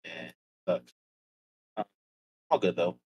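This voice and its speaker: A man's voice: low-pitched, takes it slowly, husky, muffled recording. A tired man chatting casually on an online voice call, his voice coming through robotic, buzzy and metallic from a glitchy connection. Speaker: podcast guest. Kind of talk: casual chat.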